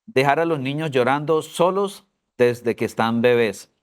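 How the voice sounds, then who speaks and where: A man's voice: medium pitch, unhurried. A middle-aged man co-teaching a church parenting class, telling personal stories emphatically. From Colombia. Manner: storytelling, emphatic.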